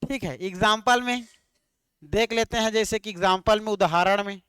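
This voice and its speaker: High, clear-voiced teacher quizzing. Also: male voice, moderate pace, sharp tone, no room sound. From Chhattisgarh, India. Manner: repetitive, quizzing students with questions. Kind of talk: exam-prep grammar lesson.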